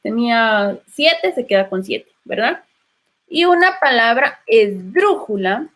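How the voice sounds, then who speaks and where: A woman's voice: fairly high pitch, big pitch swings, takes it slowly, a bit bright. A woman with a Guatemalan Spanish accent teaching literature in an online class, patiently prompting students with questions.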